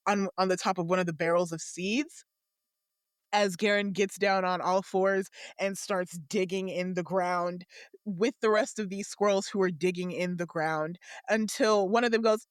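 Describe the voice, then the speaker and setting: A woman playing a tabletop game, describing her character's actions in long, animated run-on sentences. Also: medium pitch, normal speed, dry recording, studio quality. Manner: animated, laughing often, run-on storytelling. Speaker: player.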